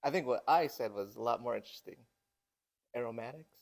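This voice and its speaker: A man's voice: medium pitch, fairly quick, creaky. A young man co-hosting a casual podcast, joking around and laughing a lot. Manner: joking, laughs often, playful. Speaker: podcast co-host. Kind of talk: casual chat.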